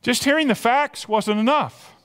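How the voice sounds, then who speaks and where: A man preaching an Easter sermon as pastor, impassioned, swinging from loud emphasis to hushed near-whispers. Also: very high-pitched, normal speed. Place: church sanctuary. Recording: long reverb of a church hall.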